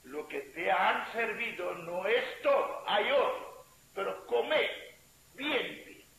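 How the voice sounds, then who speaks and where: A man, a swami giving a spiritual talk, telling a story in a slow, deliberate way. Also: sits high, creaky, pushed and bright. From India. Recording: echoey room with faint hiss.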